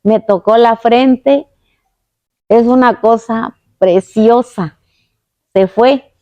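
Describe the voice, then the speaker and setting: A woman telling a personal faith testimony, earnest and halting, with many restarts. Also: on the high side, mellow, no room sound, dull audio. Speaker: guest giving a testimony.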